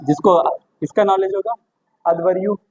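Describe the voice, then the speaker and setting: A man's voice: high voice, normal speed, a little mellow, poor audio. A male teacher giving a classroom history lesson, chatty and joking as he quizzes students. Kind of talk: classroom lecture.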